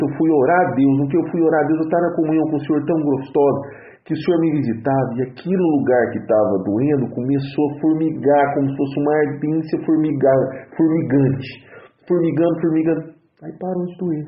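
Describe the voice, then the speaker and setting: A man's voice: a little high, fairly quick. A Brazilian man giving an earnest religious testimony, repeating his exhortations over and over. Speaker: church member giving testimony. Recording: tinny phone-like audio in an echoey room.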